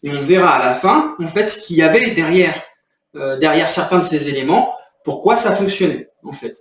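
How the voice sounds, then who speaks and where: A man's voice: a little high, expressive, normal speed, a bit bright, distant mic. Irritated rambling man in an echoey room. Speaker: video creator. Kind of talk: agitated talking-to-camera vlog.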